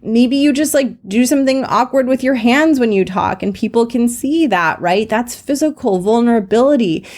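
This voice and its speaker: Woman, podcast host, solo teaching talk, earnest, reassuring, mid-range pitch, self-deprecating. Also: a little mellow. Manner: earnest, reassuring, many "like" fillers and "right?" tags; laughs at herself. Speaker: podcast host and confidence coach.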